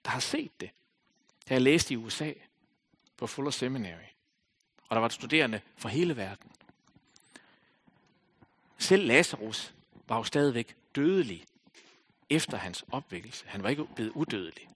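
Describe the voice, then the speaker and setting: A man preaching a sermon in a slightly husky voice. He speaks with a lively, wide-swinging pitch, climbing into loud calls and then falling to hushed, almost whispered lines as he reads scripture and talks it through. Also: pauses often. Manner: expressive, rising to loud calls and dropping to near whispers. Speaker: pastor.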